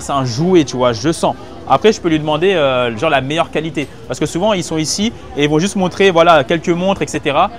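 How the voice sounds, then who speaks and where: A vlogger with a voice on the high side addresses his viewers in relaxed, slangy French, musing aloud while reviewing goods at busy market stalls. The recording is candid, made on location with a hidden mic as he shops. Music plays behind him.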